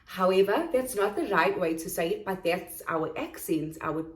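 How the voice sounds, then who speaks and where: Speaking at normal speed in a fairly low, expressive voice, a woman from Durban, South Africa, walks viewers through starting online English coaching. Her vlog is casual and chatty, peppered with "okay?", and recorded in an echoey room.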